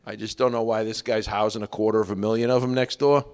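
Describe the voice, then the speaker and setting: A man's voice: on the low side, little pitch movement, quick pace, darkish tone. A man doing a stand-up comedy routine, telling wry stories and asking the audience questions. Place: stage in a large hall. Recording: long reverb of a theater hall.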